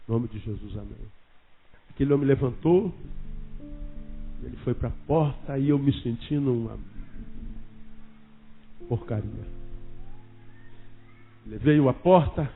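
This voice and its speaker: A pastor telling a story in a dramatic sermon, swinging from loud to hushed. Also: male voice, medium pitch, vocal fry, breathy edge. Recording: phone-like sound with faint music.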